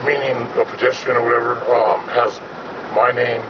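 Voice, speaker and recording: A man with an electronically disguised deep voice answers questions in hesitant street slang, as an informant in a recorded interview. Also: steady tone, moderate pace, distant mic. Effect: voice altered to hide identity. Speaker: police informant being questioned. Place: inside a parked minivan. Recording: muffled, very noisy field recording in vehicle.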